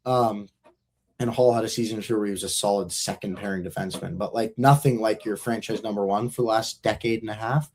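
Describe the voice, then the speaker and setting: A man's voice: fairly low pitch, fairly even intonation, a little fast, darkish tone, slight background noise. A young man hosting a podcast, chatting casually in a rambling, slangy and profane way. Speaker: podcast host. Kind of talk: casual chat.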